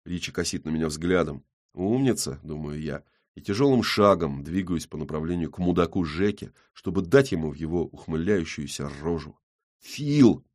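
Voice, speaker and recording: A man's voice: very deep voice, brisk, hardly any pauses. A man reading a first-person audiobook with gritty, tense storytelling. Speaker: audiobook narrator.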